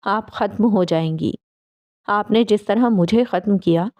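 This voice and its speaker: A woman voicing an enraged young woman who shouts and bites out her words at her mother. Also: medium pitch, dry recording, close to an everyday voice. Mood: furious. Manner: shouting, then cold and biting.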